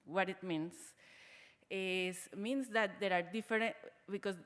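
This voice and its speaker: A woman's voice: mid-range voice, fairly even intonation, measured pace, a bit bright. A middle-aged woman from Colombia, speaking English as a conference speaker, hesitant with frequent fillers and restarts. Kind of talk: conference presentation. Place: conference hall. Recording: large hall with long reverb.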